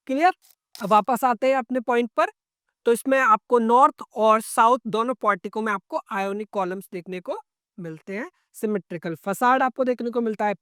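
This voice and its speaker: A man with an Indian accent teaching an online exam-prep lecture, drilling points and often checking in with "right?" and "clear?". He asks questions and then answers them himself. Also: very high voice, dry recording, studio quality. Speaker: architecture entrance-exam tutor.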